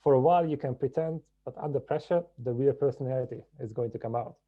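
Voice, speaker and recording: A man from Hungary, a podcast guest telling his story in a measured, reflective way. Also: medium pitch, narrow, tinny audio. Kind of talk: podcast interview.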